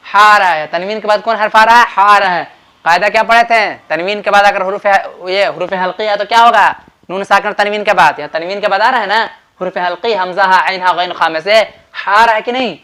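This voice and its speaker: A man with an Urdu accent teaches Quran recitation rules in a bright, forceful voice. He explains patiently and repeats himself, stretching out sample words slowly and firing quiz questions at his students. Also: high voice, clear, resonant tone. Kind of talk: tajweed lesson at a board.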